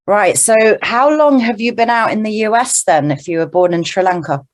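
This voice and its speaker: A woman's voice: medium pitch, brisk. A woman hosting a radio interview, asking questions in a friendly, polite way. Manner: friendly, asks questions with "please". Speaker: radio show host.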